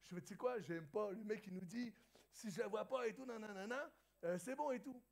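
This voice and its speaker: Man, pastor from France, church hall, sermon storytelling, fairly high voice. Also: brisk, vocal fry. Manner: storytelling, lively, acts out dialogue with laughter. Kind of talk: anecdotal sermon.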